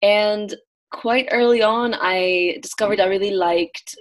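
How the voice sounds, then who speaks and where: A woman in her twenties from Greece talks as an interview guest over a remote call. She is loose and conversational, with frequent ums and likes and a pitch that sits in the middle of the usual range. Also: unhurried. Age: 20s. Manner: relaxed, many ums and likes.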